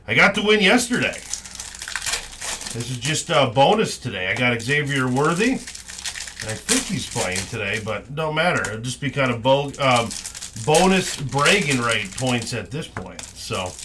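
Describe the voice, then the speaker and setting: A man hosting a live card break in casual, upbeat, informal chat. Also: mid-range voice. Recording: clearly noisy, packs crinkling. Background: crinkling and clicking of card packs.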